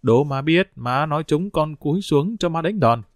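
A mischievous young daughter, her voice pitched up high and lively, teasing her parents in a storybook reading, as a male narrator puts her on. Dry, close recording. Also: moderate pace, dry recording, natural voice. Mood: playful.

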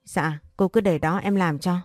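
A woman voicing a timid, kind young maid who speaks politely and gently in an audio story. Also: lowish voice, steady tone, moderate pace, no echo, studio quality, faint music behind, close to an everyday voice. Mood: gentle.

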